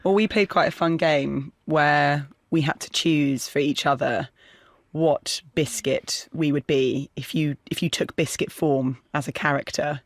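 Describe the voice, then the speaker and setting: A man's voice: on the high side, fairly even intonation, a little slow, no room sound, clean studio sound. A man interviewing a guest in a casual, playful and teasing way.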